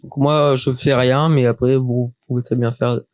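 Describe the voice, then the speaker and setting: Here a man at his desk talks through a computer tutorial in a casual, chatty way, repeatedly pausing, restarting and filling gaps. Medium in pitch and flat in delivery, he speaks at normal speed with a slightly mellow sound on a dry recording.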